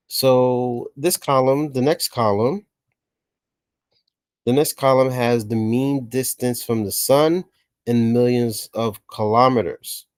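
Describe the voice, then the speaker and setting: A man's voice: medium pitch, no room sound. Man teaching in casual tag-question style. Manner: conversational, frequent "okay" and "right" checks. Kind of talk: explainer lesson narration.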